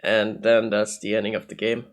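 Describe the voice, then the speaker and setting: A man's voice: lowish voice, monotone, moderate pace. A man giving casual commentary on a game, thinking aloud as he weighs things up. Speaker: video game player commentator.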